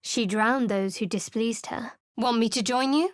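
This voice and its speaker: This is a game companion character voiced by an actress, a young woman cleric who is sardonic, guarded and hiding secrets. The studio line is delivered at a measured pace in a slightly high voice close to her everyday one, without room sound, and the tone stays cool, dry and wry.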